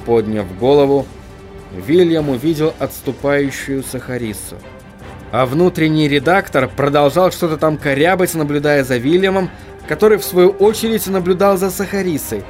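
A man reading an audiobook as narrator, with an expressive reading. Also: a little high, normal speed, faint music behind. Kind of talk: scripted narration.

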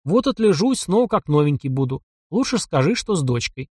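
A man's voice: on the high side, big pitch swings, brisk, a little mellow, husky, dry recording, clean studio sound. A man voicing a wounded young village man who speaks bluntly and matter-of-factly.

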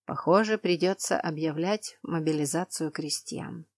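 A woman voicing a stern male duke who speaks in a slow, low and clipped way. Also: no room sound. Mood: weary.

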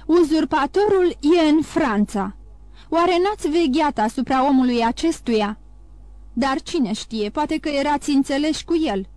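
A woman reads as an aging king who barks his questions in a raised, commanding voice. He is imperious and quick to alarm. The audiobook sound is dry and close. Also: sits high, animated, a little mellow, no echo, pitched above the performer's own voice. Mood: outraged.

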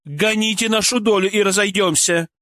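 A man's voice: high-pitched, normal speed, no room sound, clean studio sound, voice pushed up, natural voice. A man reading an audiobook, voicing an angry, bitter woman, a former shop clerk and mother, who hurls accusations and insults. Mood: bitter, furious. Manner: harsh, accusing, shouting insults.

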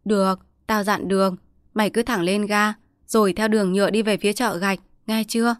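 A woman's voice: medium pitch, steady tone, brisk, clear, resonant tone, no echo, studio quality, natural voice. A woman storyteller voicing a district chief's wife, an indulgent mother who coaxes her child and bosses her servants. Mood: commanding. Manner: coaxing, bossy to servants.

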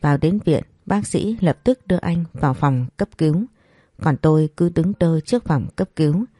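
Woman, first-person story narration, low voice, dark tone, dry sound. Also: normal speed, no room sound.

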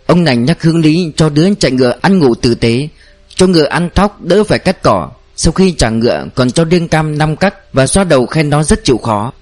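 Male narrator, slightly higher voice, steady delivery for a novel. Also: moderate pace, faint music behind. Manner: steady storytelling. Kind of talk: audiobook narration.

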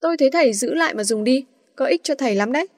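A sharp-tongued young woman scolds with cool scorn in a storybook tale, read by a woman narrator. The voice is high and close-miked. The sound is dry. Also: lively intonation, racing, dry recording. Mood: scornful.

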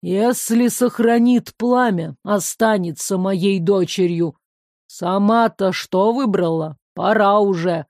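A woman's voice: medium pitch, takes it slowly, darkish tone, no echo. Woman voicing a grumpy fire spirit, male, proud, hot-tempered, sulky, dry close sound. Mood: grumbling. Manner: grumbling, sulky.

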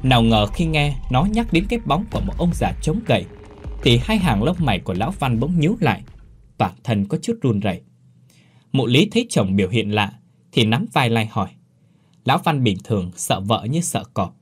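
A man narrates a scripted horror story with dramatic, expressive storytelling. His pitch moves a lot through each sentence. The voice has a husky grain. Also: normal speed.

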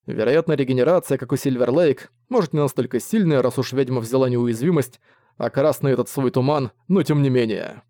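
A man narrating a fantasy audiobook in a steady, lively storytelling manner, close to the mic. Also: mid-range voice, a little fast, no echo. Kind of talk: scripted narration.

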